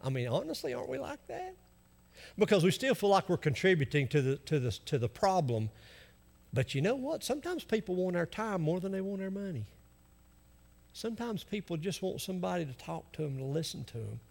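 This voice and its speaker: A man with an Appalachian accent preaches a conversational sermon in a reverberant hall, folksy and emphatic, acting out objections people might raise. His voice is on the high side and a little mellow yet gravelly, with big pitch swings and a slightly fast pace.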